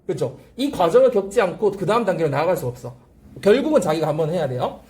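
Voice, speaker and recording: Brief: animated, mellow-toned language teacher; repeats drill phrases, prompts students with quick check-ins. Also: medium pitch. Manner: asks frequent rhetorical check-questions. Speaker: English teacher at a language academy. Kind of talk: classroom grammar lecture.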